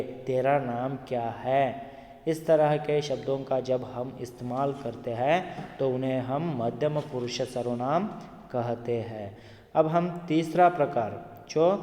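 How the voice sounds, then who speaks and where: A man teaching Hindi grammar, explaining slowly and listing example words one at a time. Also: medium pitch, warm tone. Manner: slow, deliberate, repeats lists of example words one by one. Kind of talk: classroom explanation with spoken examples. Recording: echoey room with long reverb.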